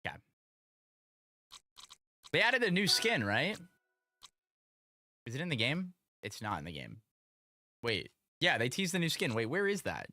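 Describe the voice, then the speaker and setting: A casual live streamer with a bright, mid-pitched voice. The delivery is very animated, slangy and exclamatory. The sound is close and dry. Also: measured pace, pauses often, no echo.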